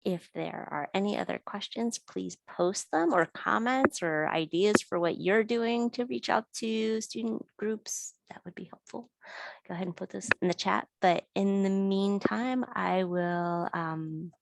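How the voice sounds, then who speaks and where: A woman moderating a webinar Q&A over a video call, asking questions in a brisk, friendly way. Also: medium pitch, gravelly.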